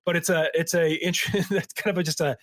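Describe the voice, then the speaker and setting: A man's voice: fairly high pitch, steady tone, fairly quick, a bit bright, no room sound, clean studio sound. A man co-hosting a marketing podcast in casual chat, talking loosely with many likes and frequent laughs. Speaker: podcast co-host.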